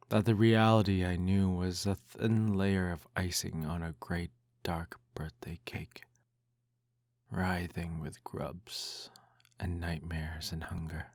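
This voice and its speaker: A man in an ASMR role-play reads a bedtime story aloud in a soft, intimate, hushed voice that slips into speaks softly. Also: low-pitched, no room sound, studio quality.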